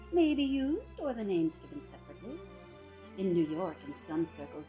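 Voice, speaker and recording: Female narrator, sultry and mellow, scripted book reading, soft phrase endings. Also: low-pitched, poor audio. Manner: sultry, slow-savoring delivery with soft trailing phrase ends. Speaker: reader of a public-domain etiquette book.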